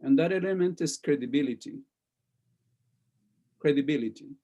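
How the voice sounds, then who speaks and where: A male teacher giving feedback on a student's speech over a video call, halting, with many restarts, and checking in with "okay?". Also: fairly high pitch, mellow. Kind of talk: classroom feedback.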